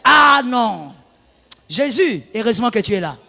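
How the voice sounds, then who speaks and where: A woman pastor preaches, her voice swinging widely in pitch from soft asides to loud, driven bursts. Her voice is husky. It rings out with a long reverb, as in a large church hall. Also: big pitch swings, unhurried. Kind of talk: sermon.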